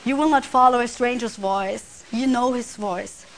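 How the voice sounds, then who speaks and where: Woman preacher, high voice, conversational sermon, soft hushed passages, faint background hiss. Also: a little slow, poor audio. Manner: conversational, drops to near whisper on quiet lines.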